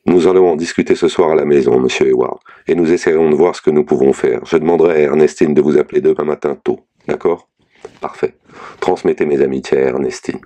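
A steadfast, no-nonsense mother, read by a man in a very deep, dark voice. Her words come forceful and colloquial, in a storybook reading. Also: fairly even intonation, fast. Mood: practical. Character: mother, firm and steadfast woman.

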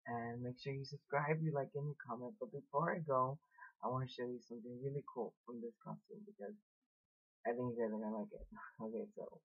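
A man's voice: mid-range voice, fairly even intonation, a little fast. Casual man with a tinny, lo-fi sound. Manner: casual, many "um" fillers. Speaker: face painter. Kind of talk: face paint tutorial narration. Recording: tinny phone-like recording with music.

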